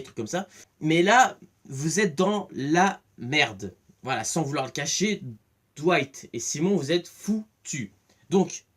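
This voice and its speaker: A talkative man giving a casual, rambling spoken review, excitable and full of restarts. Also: on the high side. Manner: chatty, rambling, many restarts and fillers; excitable, acts out scenes with voices. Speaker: film and series reviewer.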